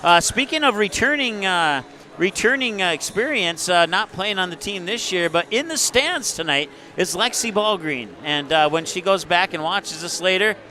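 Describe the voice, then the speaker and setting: A man with a high voice hosts a local sports broadcast. He chats in a casual, joking, self-deprecating way as he fills time before the game. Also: lively intonation, moderate pace, pushed and bright, a little hiss or hum. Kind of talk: casual pregame sports chat.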